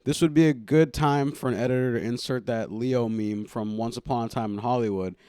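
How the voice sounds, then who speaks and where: A young man hosts his own podcast from a room at home, talking casually and teasing himself as he goes. His voice sits at a middling pitch, and the recording is dry and close with little room sound. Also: fairly quick, mellow, smooth, no echo. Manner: self-mocking, rambling, playful. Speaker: podcast host. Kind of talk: casual solo podcast chat.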